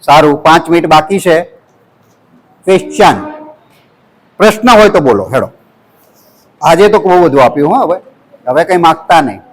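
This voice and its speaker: A man with a Gujarati accent leading a workshop for student teachers, lively and leading the class in chants. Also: a little high, normal speed, pauses often, low-quality recording. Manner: lively, leads call-and-response chants. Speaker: workshop instructor. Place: college lecture hall.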